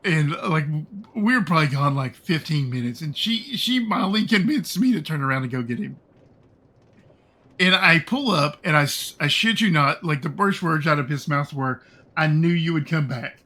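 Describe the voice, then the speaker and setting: A middle-aged man streaming his game and telling a long personal story in a rambling, halting way, full of fillers and swearing. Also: fairly high pitch, lively intonation, pushed and bright. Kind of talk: casual storytelling while gaming.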